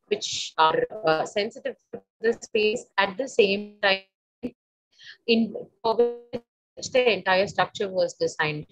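A woman presents a library's building in a webinar over a video conference call. She explains at length and often pauses to search for her words. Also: mid-range voice. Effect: video conference call audio that drops out at times. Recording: dull dry video-call audio.

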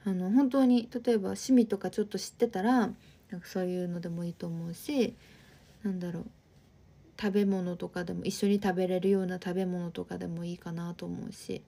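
A woman's voice: on the low side, fairly even intonation, a little fast, creaky, warm tone. A woman in her twenties with an Osaka accent, hosting a livestream and chatting friendly with viewers while reading their comments. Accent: Osaka dialect. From Osaka, Japan. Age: 20s. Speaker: livestream host.

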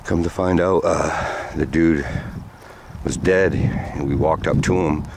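Man in his forties, extremely low voice, loose rambling storyteller, outdoor walk, faint background hiss. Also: fairly even intonation, measured pace, vocal fry, darkish tone. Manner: rambling, loose with many fillers. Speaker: vlogger. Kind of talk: walking storytelling vlog. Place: outdoors on sandy trails by woods.

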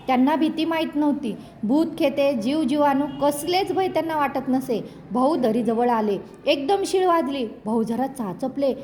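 A woman reading a classic story aloud with measured, expressive narration. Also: high voice, a little hiss or hum.

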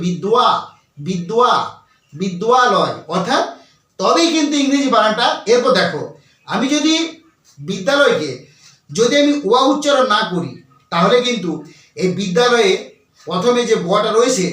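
High-voiced teacher in an echoey room. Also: male voice, a bit bright. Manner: explains step by step, repeats key points, asks and answers own questions. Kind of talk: grammar lesson to students. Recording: very echoey room, voice far from the mic.

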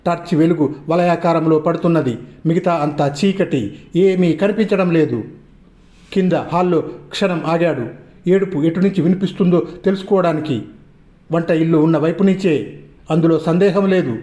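Man narrating a spooky story, high voice, warm and mellow, roomy echo. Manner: measured, suspenseful reading with many questions. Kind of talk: scripted narration.

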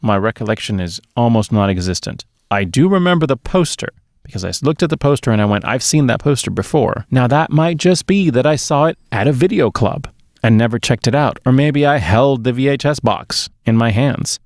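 Seated in a small dark sound-treated booth, a middle-aged podcast co-host speaks close to a boom-arm mic in a casual, emphatic movie review chat. His medium-pitched voice is expressive, fairly quick, and a little mellow, with no echo.

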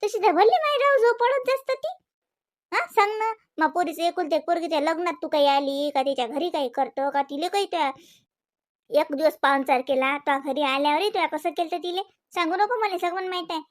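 A woman's voice: high voice, fairly even intonation, a little fast, no room sound, clean studio sound, natural voice. A woman voicing a nagging middle-aged mother-in-law in a cartoon, with a Varhadi Marathi accent and a habit of tagging on questions. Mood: scolding. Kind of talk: cartoon voice acting.

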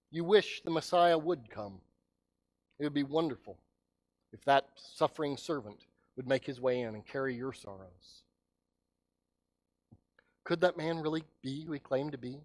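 A pastor preaches a sermon, telling a story dramatically in a voice that's a little high. He swings between loud cries and hushed words.

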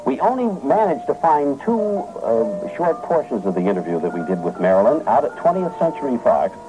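A man's voice: medium pitch, big pitch swings, normal speed, highs cut off. A man hosting an old radio show, chatty and hesitant with many fillers, interviewing a guest. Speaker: radio host. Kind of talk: archival radio interview and chat. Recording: old archival radio tape with music behind.

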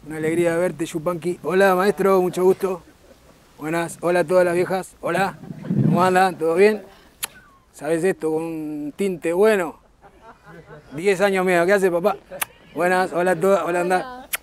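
A man's voice: high voice, steady tone, moderate pace, pauses often, pitched below the performer's own voice, close to an everyday voice. A man voicing a cheeky male puppet with a Rioplatense Argentine accent, greeting a crowd with crude, teasing banter.

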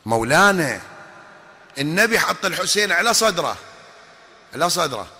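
High-voiced Iraqi man preaching emphatically. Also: sing-song, normal speed, sharp tone, breathy edge. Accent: Iraqi Arabic. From Iraq. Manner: emphatic, with rhetorical questions to the audience. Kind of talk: sermon. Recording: long reverb of a large hall.

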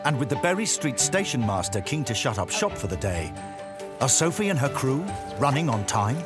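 A man with an English accent narrates a documentary from a script in a studio voice-over, his mid-range voice very animated at a normal speed. He tells the story wryly, with loud music running underneath.

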